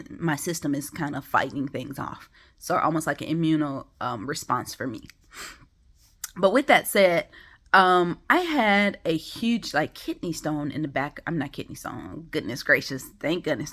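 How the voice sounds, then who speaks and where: A freshly woken woman vlogs casually at home, her voice stuffed-up and sniffly as she rambles with plenty of ums. She speaks in a low voice with a breathy edge. Her tone is fairly bright.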